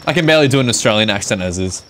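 A young man streaming a game with a friend, laughing often, swearing and breaking into sudden loud exclamations. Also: lowish voice, lively intonation, racing, slight background noise. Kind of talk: casual gaming chat.

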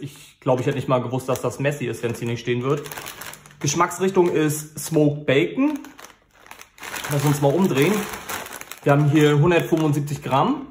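A man's voice: fairly high pitch, slight background noise. A man hosting a casual, unscripted food review in an informal, matter-of-fact way. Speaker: host of a food review channel. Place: indoor room. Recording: echoey, reverberant room.

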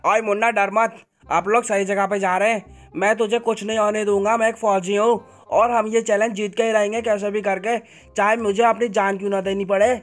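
A man's voice: high-pitched, little pitch movement, a little fast, lightly acted. A man voicing a boastful male cartoon cat who claims to be a soldier, bragging and dramatic in a fan-made game dub.

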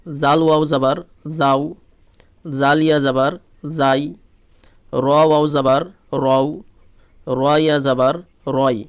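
A man with a Bangladeshi Bengali accent leads a spelling-drill lesson in a clear, resonant voice with a slightly raised, flat pitch. He spells each syllable patiently and repetitively. The sound is dry and close. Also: no room sound. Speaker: Quran reading teacher.

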